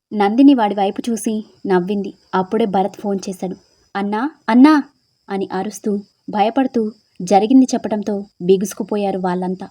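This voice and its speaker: A woman's voice: medium pitch, dark tone. A woman narrating a dramatic audio story and voicing the characters' dialogue herself. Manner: voices every character in dialogue, shifting tone for each.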